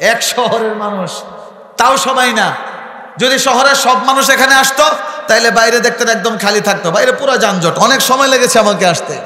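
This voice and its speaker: A man from Habiganj, Bangladesh, preaching a fiery sermon to a large gathering, quizzing the crowd with questions and breaking into shouts. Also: high-pitched. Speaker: Islamic preacher. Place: large religious gathering over a loudspeaker. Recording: echoey hall with long reverb.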